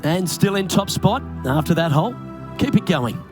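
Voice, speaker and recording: A man calling golf shots as play-by-play commentator, measured and handing over to his colleagues. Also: high-pitched, big pitch swings, music in the background. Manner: measured, calls each shot and hands over to colleagues. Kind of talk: sports commentary.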